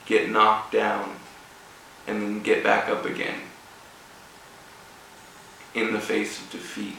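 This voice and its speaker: Echoey, slow, creaky-voiced man giving a speech. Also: fairly low pitch, a bit bright. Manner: halting delivery in short broken phrases. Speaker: guest speaker at a rugby club event. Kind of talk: informal motivational speech with personal story. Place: echoey room, speaking before an audience. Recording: echoey room, distant mic, faint noise.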